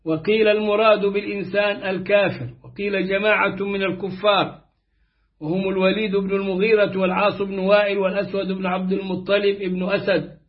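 A man reading aloud a classical Quran commentary in a steady, formal manner. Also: high voice, brisk. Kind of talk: measured reading of classical tafsir. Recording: dull lo-fi recording.

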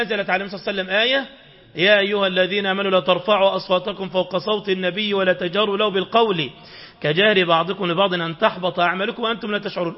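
Egyptian male preacher, high-pitched, very fast storyteller, quizzes listeners, muffled lo-fi sound. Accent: Egyptian Arabic. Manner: storytelling with rhetorical questions to listeners. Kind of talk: religious lesson.

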